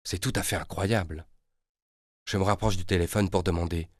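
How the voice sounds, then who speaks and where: A man narrating a children's audiobook in a lively storytelling manner, recorded on a close studio mic. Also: low voice, normal speed, dry recording.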